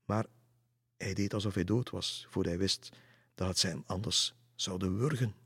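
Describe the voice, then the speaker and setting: Guy reading a cheeky know-it-all boy, teasing, gravelly low-ish voice. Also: a little slow, fairly bright tone, dry recording, studio quality, exaggerated voice. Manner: teasing, knowing. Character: cheeky boy who knows the castle's ghosts.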